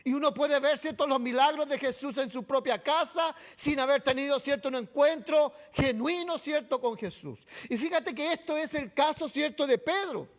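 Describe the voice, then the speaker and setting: Chilean male pastor, very high voice, sermon, keeps checking in with the congregation. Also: moderate pace, few pauses. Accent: Chilean Spanish. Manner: keeps adding "¿cierto?" and "amado" to address the congregation. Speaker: preacher. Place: church.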